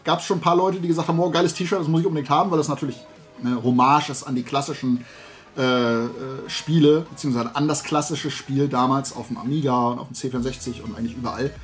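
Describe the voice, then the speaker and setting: Speaking at a quick pace in a medium-pitched, steady voice, a middle-aged man talks casually to the camera as host of a toy and comics show. His talk rambles, the setting is an indoor room lined with collectibles, and soft music plays underneath.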